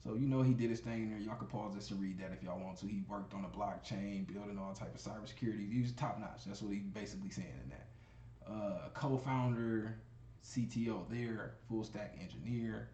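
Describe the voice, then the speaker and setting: A man talks loosely and conversationally, calling his listeners y'all and often asking "you know what I'm saying." His voice is dark and mellow. It sounds echoey, with faint noise in the room. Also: on the low side, steady tone, moderate pace. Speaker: crypto video host. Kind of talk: casual screen-share commentary.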